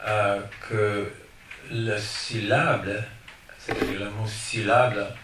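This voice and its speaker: A man, a poet, speaking at a public talk, slowly searching for his words with many restarts. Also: fairly low pitch, little pitch movement. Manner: slow, halting, searching for words. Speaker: poet being interviewed. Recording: roomy, distant, noisy room mic.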